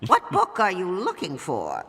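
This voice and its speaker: An actress playing a stern, prim town librarian in a cartoon adventure game, hushing and officious, with clipped, emphatic delivery. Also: female voice, lowish voice, huge pitch swings, unhurried, exaggerated voice. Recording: long echoing reverb, library hall effect.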